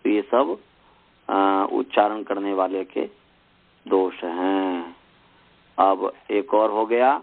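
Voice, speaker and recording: Man, Sanskrit teacher, patient lesson, very slow speech, repeats terms, narrow phone-like sound. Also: medium pitch. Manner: slow, explanatory, repeats and acts out faults. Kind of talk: recorded lesson on pronunciation. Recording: tinny phone-like recording.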